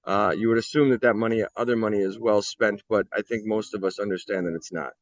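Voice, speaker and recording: A man's voice: on the low side, fairly even intonation, quick pace, dry recording. A middle-aged American man telling his story bluntly and candidly as an interview guest, with some swearing. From United States. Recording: dull, dry lo-fi sound.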